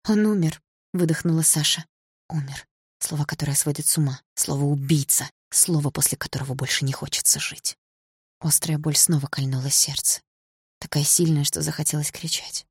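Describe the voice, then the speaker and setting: A woman's voice: sits low, steady tone, fairly quick, breathy edge, no room sound, studio quality. A woman narrating a first-person audiobook in an intimate, tense storytelling manner. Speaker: audiobook reader.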